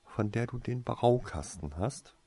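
A man's voice: mid-range voice, expressive, a little slow, mellow, breathy edge, voice pushed up, exaggerated voice. A man voicing a curious, insistent young witch girl in a fantasy storybook, talking in a pushy, scolding way.

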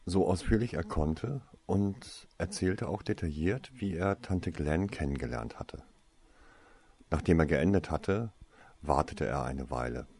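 A man reading a fantasy story aloud, with expressive storytelling. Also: sits low, unhurried. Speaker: reader.

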